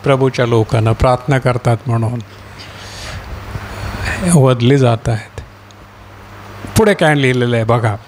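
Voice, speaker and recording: A male pastor preaching a sermon, questioning his listeners and echoing the reader's words, climbing high and fervent as he voices the martyrs' plea. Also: unhurried, pauses often, a little mellow, a little hiss or hum. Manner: rising to a high, impassioned pitch when voicing the martyrs' cry; asks the congregation questions and echoes the reader.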